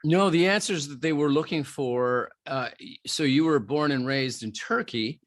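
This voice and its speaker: A man's voice: a little high, normal speed, no room sound. A man hosting an interview podcast, talking in a friendly, earnest way with many restarts. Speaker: podcast host.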